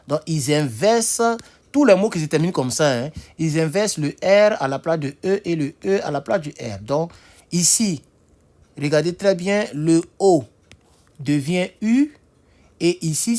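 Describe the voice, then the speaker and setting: A man's voice: on the high side, a little mellow. A man teaching English vocabulary in a casual spoken lesson, spelling words out letter by letter and talking straight to his viewers. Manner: spells words out letter by letter, repeats them slowly; chatty, talks to viewers directly.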